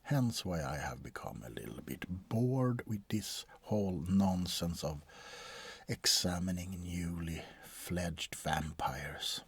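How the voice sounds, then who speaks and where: Here a man takes on the role of a weary, bored vampire doctor of many centuries in ASMR style, breathy and husky, often whispering. He speaks deeply and slowly in an exaggerated, deadpan, hesitant way, with no room sound, and the mood stays bored and dry.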